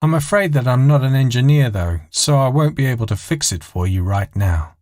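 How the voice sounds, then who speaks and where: A man plays a flight stewardess in an audio story, snide beneath her service manners. The voice is lifted and swings in pitch, recorded dry and close. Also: lively intonation, a little fast, a little mellow, no room sound, lightly acted. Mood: falsely chirpy. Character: snide flight stewardess, falsely chirpy, bitter underneath.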